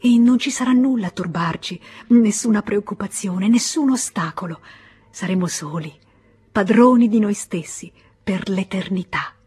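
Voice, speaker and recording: A woman reading as a passionate young wife eager to run off with her lover, speaking in a tender, impassioned way that sometimes falls to a hush. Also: mid-range voice, normal speed, breathy edge. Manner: impassioned, at times hushed. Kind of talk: audiobook character reading.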